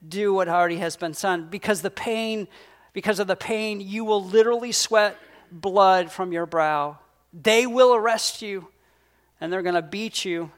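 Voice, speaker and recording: A man's voice: high voice, a bit bright. A man voicing God the Father, speaking to his son in an earnest, intense way in a sermon. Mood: solemn. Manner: earnest, intense, pleading to press on. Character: God the Father, solemn, fatherly, commanding male deity.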